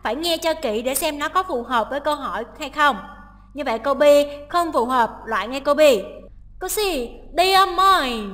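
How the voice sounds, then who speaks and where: Bright, high-voiced woman teaching a listening test. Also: expressive, fairly quick, big-room sound. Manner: explains each option, translating English lines aloud. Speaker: English teacher.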